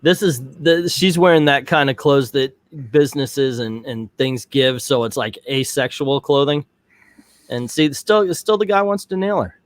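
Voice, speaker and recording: A man's voice: mid-range voice, expressive, moderate pace, dry recording. A man hosting a casual live movie watch-party commentary, rambling and chatty with lots of fillers. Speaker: host of a movie commentary show. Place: home, Central Florida.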